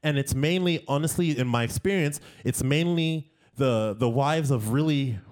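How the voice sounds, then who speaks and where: A man, a guest artist, telling animated anecdotes in casual conversation, often laughing as he goes. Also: mid-range voice, moderate pace. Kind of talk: casual storytelling.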